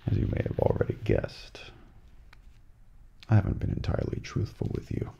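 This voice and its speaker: Speaking softly into a close binaural mic with faint noise and cut-off highs, a man role-plays a cold, calculating assassin agent in ASMR. His breathy, gravelly near-whisper stays close to an everyday voice as he gloats over his victim, smug and coldly polite, each word deliberate and menacing.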